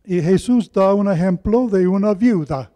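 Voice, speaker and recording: A man delivers a sermon at an unhurried, deliberate pace. His voice is fairly high for a man and softly mellow, and it rings through a big hall with long, cathedral-like echo. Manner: deliberate, repeats key phrases for emphasis. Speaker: guest preacher. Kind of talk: sermon with Bible reading. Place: large echoing hall with pews.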